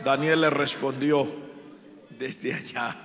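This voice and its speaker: Impassioned Colombian pastor in a reverberant church. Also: male voice, medium pitch, steady tone, slow pace, crowd noise. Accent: Colombian Spanish. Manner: impassioned preaching, emphatic repetition. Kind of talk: sermon. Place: church sanctuary.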